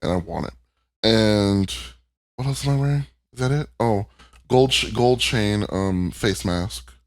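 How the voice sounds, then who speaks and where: A male podcast co-host talking casually with friends. His voice sits a little low. He is sassy and emphatic. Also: measured pace. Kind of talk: casual chat.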